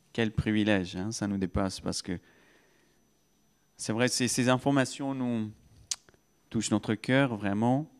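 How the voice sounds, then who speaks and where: A man, preaching a testimony with many restarts that build into fervent peaks. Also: on the low side. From Pakistan. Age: 30s. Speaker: guest preacher. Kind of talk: sermon testimony.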